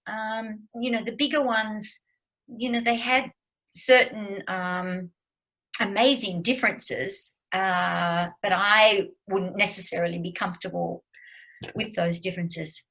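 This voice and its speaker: A woman's voice: mid-range voice, steady tone, slow pace, gravelly, fairly bright tone, low-quality recording. A woman in her seventies chats as a guest over a video call. She talks hesitantly, with many fillers and false starts. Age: 70s. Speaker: guest speaker. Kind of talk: casual chat on a video call.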